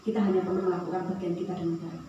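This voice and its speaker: A woman's voice: fairly low pitch, little pitch movement, very fast, warm tone, highs cut off. Woman preacher chatting through a sermon, telling little stories, big echoey church hall, mic far off, faint noise. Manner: conversational storytelling, tangents and light laughs.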